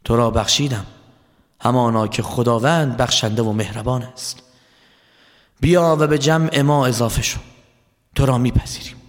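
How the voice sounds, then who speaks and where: A man voicing a gentle, forgiving male holy leader who speaks in a calm, solemn, kindly way, in a told story. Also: medium pitch, pauses often, long reverb tail, pitched below the performer's own voice, close to an everyday voice.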